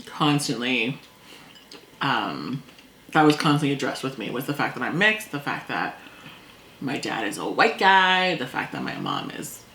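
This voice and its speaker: A woman chatting casually over a meal, talkative and quick to laugh, acting out things people said. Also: very deep voice, very animated, pushed and bright. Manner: chatty, laughs often, acts out past quotes. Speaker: co-host. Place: indoors at a table. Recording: echoey room, faint noise.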